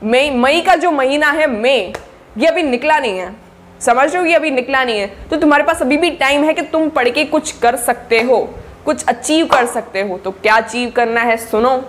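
Young female tutor, fairly high voice, friendly chatty coaching with constant check-ins. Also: normal speed. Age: young adult. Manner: chatty and encouraging, with frequent check-ins to the listener. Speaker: study-tips YouTuber for board exam students. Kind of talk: casual spoken study coaching to camera.

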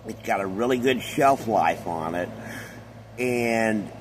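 A man casually testing travel food for his vlog, chatting in an unhurried way, recorded on a phone in a car. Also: lowish voice, a little hiss or hum, low-quality recording. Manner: unhurried, chatty, talks with his mouth full. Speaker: vlogger. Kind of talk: casual product-test vlog.

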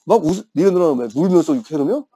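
A man's voice: fairly high pitch, animated, rapid-fire, mellow, husky. A man in his fifties teaching an English grammar class, telling playful stories and teasing his students. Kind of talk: classroom lecture with chatty anecdotes.

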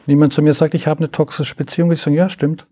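Husky, mellow-voiced man. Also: a little high, little pitch movement, racing. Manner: acts out dialogues in quoted voices. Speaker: coach and interview guest. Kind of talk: relaxed conversational interview.

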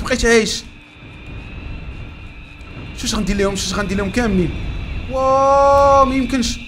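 A young man with a Moroccan Arabic accent giving frantic, shouted gameplay commentary, repeating words over and over. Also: very high-pitched. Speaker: gaming channel host.

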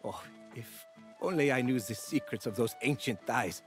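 A man's voice: medium pitch, moderate pace, soft background music, natural voice. A man voicing an effusive, dandyish cloth enthusiast in a fantasy video game, gushing and flowery in manner. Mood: delighted.

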